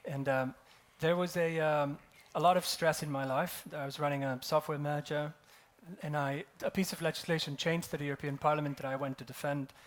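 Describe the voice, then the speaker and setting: On a conference stage, a company co-founder in his forties tells a grim personal story with wry, self-deprecating humor as part of his talk. His fairly high voice holds a steady tone and moves a little fast.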